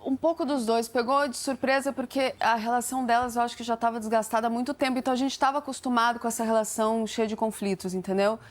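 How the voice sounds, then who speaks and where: A woman's voice: a little high, fairly even intonation, fast talker, few pauses. A woman in her forties, a talk show guest, answering in a matter-of-fact way. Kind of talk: casual chat.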